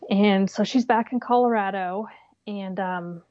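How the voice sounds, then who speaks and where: A woman's voice: medium pitch, measured pace, darkish tone, no echo. A woman talks casually about her stitching projects in a rambling, friendly flow, her sentences often drifting off unfinished. The sound is a little dull and lo-fi, and very dry, with no room behind her. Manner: chatty, rambling, trails off with "so". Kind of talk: casual chat.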